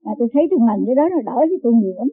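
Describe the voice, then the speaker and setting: A woman's voice: on the high side, expressive, racing, husky, no room sound. An older woman calling a radio program, rambling earnestly about her faults and her family. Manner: rambling, earnest confessional talk. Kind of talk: call-in radio talk. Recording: tinny phone line on radio.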